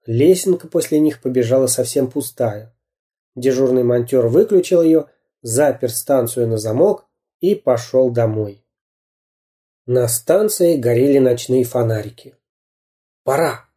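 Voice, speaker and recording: A man reading a children's story aloud, slow and measured. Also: mid-range voice, lively intonation, mellow. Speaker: narrator.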